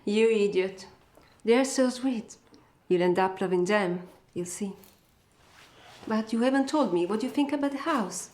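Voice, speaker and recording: An actress in her forties playing a grieving sister and widow in a horror film, talking in a weary, quiet voice that often drops to a half-whisper. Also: mid-range voice, unhurried, pauses often, lightly acted. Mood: teasing. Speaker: film character, older sister. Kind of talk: film acting.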